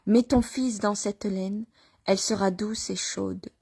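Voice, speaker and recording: A woman voicing a generous male shepherd who warmly offers his fleece for the baby. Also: medium pitch, fairly even intonation, unhurried, vocal fry, husky. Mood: earnest.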